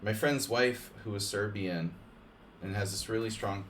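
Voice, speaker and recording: Over slight background noise, a man with a lowish voice speaks unhurriedly as he plays chess against viewers on a live stream. The talk is casual and meandering, sprinkled with "like," restarts, and joking asides.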